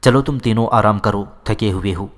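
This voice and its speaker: A man with a low voice reading the lines of an elderly mother who is commanding yet loving, in a firm, motherly way. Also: lightly acted.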